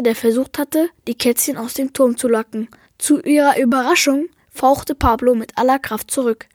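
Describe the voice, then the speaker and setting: A woman co-hosting a book podcast, reading a children's novel aloud in a lively storytelling way. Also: high-pitched, no echo, studio quality. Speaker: book podcast host and reader.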